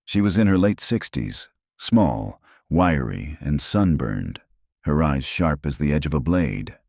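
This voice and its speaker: A man narrating a suspense story in a slow, ominous, scripted way. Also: extremely low pitch, big pitch swings, vocal fry, a little mellow, no room sound, clean studio sound.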